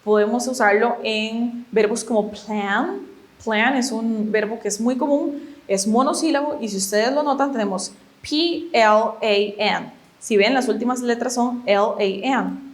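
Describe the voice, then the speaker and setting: A woman whose first language is Spanish, teaching English grammar in a video lesson. She explains step by step, patiently, and keeps checking with a quick "ok?". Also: a little high.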